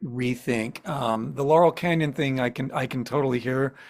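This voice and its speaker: Man, musician and professor, mid-pitched voice, lively storytelling, quotes himself. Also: normal speed. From central Ohio. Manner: animated, acts out his own thoughts in quotes. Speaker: singer-songwriter and music professor guest. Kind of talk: casual interview chat.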